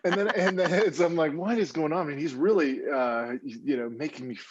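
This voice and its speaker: A man in his thirties, an indie film producer telling stories in a casual interview, animated and rambling with many restarts. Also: fairly high pitch, brisk, lo-fi sound, a little hiss or hum.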